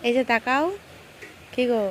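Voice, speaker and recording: Soft-spoken homemaker vlogging. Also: female voice, a little high, fairly even intonation, moderate pace, slight background noise. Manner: talks softly in a hushed voice; chatty, runs through daily chores. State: hot and sweaty. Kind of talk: casual chatty vlog narration. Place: rented village home, indoors and outdoors.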